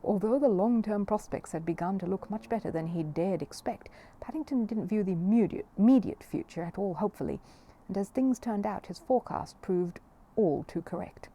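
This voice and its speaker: A woman with a mid-range voice reads a children's story aloud at a moderate pace. She narrates expressively, like a storybook reader.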